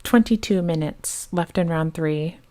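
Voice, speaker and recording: A woman with a Southern US accent talks through a card game tournament as its commentator. Her voice sits a little low, and she is chatty, thinking aloud and picking up viewers' questions as she goes. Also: a little slow, mellow. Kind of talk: casual live game commentary.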